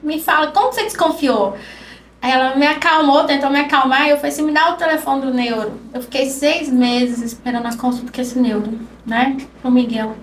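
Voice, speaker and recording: A woman guest on a podcast telling an emotional personal story, acting out the dialogue in soft-spoken speech. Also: high voice, fairly even intonation, brisk. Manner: acts out quoted dialogue, speaks softly. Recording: roomy, distant mic with faint noise.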